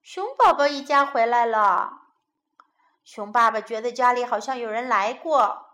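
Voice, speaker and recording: Woman, children's English teacher telling a storybook tale; high, lively, unhurried. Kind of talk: bilingual storytelling lesson for children.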